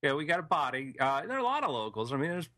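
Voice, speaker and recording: A man's voice: on the high side, sing-song, very fast, sharp tone, no echo, studio quality. A man co-hosting a comedy podcast, playfully running a mystery game with improvised jokes. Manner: playful, jokey storyteller.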